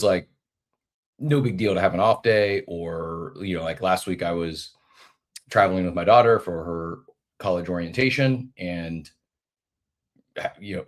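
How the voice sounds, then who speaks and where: A man in his forties, congested with a head cold and sounding nasal, hosting a podcast in a rambling, friendly chat with many fillers. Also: sits low. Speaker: podcast host. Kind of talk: casual live audio show chat.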